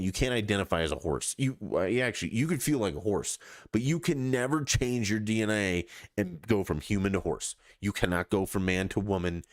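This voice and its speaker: A man's voice: lowish voice, no echo, clean studio sound. A man hosting a podcast, talking in a blunt, profane, scoffing monologue with mocking quoted asides. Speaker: podcast host. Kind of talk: casual opinion monologue.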